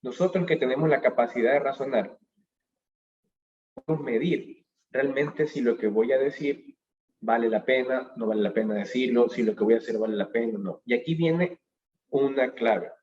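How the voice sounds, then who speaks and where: A man giving a motivational lecture on emotions at a business school, animated, asking questions and answering them himself, heard through a webcam on a video call. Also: medium pitch, moderate pace, muffled recording. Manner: animated, asks and answers his own questions. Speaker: speaker at a business school talk.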